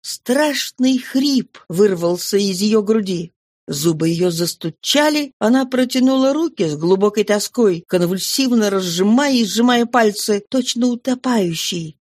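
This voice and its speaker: A woman's voice: mid-range voice, lively intonation, measured pace, dry recording, studio quality. A woman narrating a novel as an audiobook, reading expressively and dramatically.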